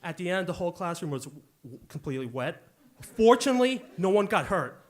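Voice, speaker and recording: A young man telling a story on stage, animated and acting out the dialogue with loud bursts. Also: high-pitched, fairly quick, slight background noise. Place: club stage with audience.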